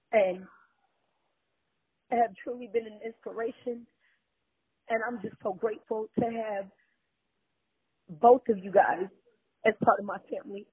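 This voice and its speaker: Over a tinny phone-line recording, a woman with a highish, breathy voice weeps as she records an emotional message of thanks. She sounds deeply grateful and sincere through her tears.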